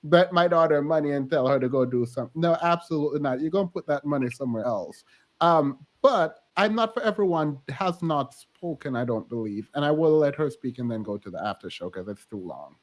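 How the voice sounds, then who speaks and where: A man's voice: fairly high pitch, lively intonation, fairly quick. Laid-back joking man hosting a call. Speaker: host. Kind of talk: casual panel discussion. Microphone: video call.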